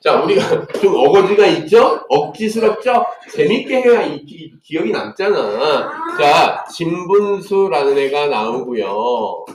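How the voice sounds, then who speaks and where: A man's voice: a little high, very animated, a little slow, few pauses. Man, math teacher, playful storyteller, questioning, echoey room, distant mic, faint noise. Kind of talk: classroom lesson for children.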